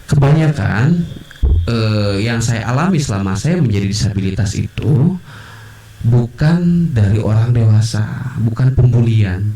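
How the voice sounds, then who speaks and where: A man as a podcast guest, telling personal stories in an animated way and acting out the voices of others. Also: mid-range voice. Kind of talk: personal storytelling in a podcast interview. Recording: roomy, distant mic.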